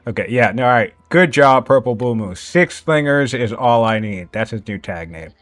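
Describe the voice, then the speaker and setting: A man casting a strategy game tournament in a relaxed, joking way, chuckling and teasing with light sarcasm. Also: mid-range voice, moderate pace, no echo, faint music behind. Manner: jokey, laughs often, playfully sarcastic. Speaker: tournament caster. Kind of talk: casual game commentary.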